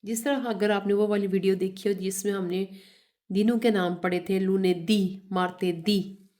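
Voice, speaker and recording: A woman's voice: mid-range voice, steady tone, normal speed, dark tone. A woman teaching a beginner Italian lesson, spelling out and repeating words. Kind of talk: slow language lesson.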